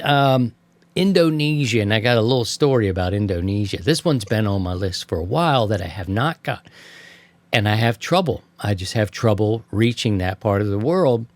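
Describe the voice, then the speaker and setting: A man with a mid-range voice hosts an amateur radio show, telling anecdotes to his co-hosts in a casual, slangy style and acting out exchanges he remembers. There's no room sound.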